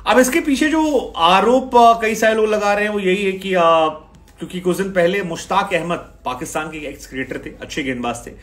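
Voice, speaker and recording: A man's voice: high voice, brisk. A man hosting a cricket channel who talks straight to his viewers in a conversational news-commentary style, reading out and summing up posts.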